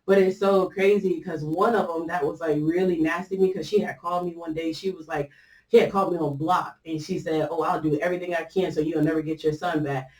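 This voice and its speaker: A woman's voice: low voice, steady tone, brisk, darkish tone, distant mic. A woman casually telling a personal faith story, chatty and loose, with lots of fillers and easy laughter. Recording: echoey room, voice set back from the mic.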